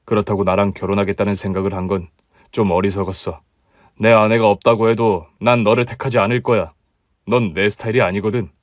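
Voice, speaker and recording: A man's voice: on the low side, fairly even intonation, fairly quick, no echo, voice pushed down, natural voice. A man voicing a young husband who speaks in a dry, resigned, cutting way in a radio drama. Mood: disillusioned.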